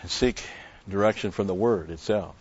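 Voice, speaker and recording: A man preaching a sermon in a measured way, with emphatic stresses. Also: low-pitched, slightly rough, dull audio. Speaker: pastor.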